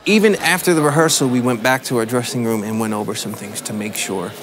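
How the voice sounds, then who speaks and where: A man's voice: medium pitch, quick pace, noisy background. A man in a backstage interview, talking reflectively and restarting his sentences. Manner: reflective, thinking aloud with restarts. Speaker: band musician. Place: backstage room with curtains.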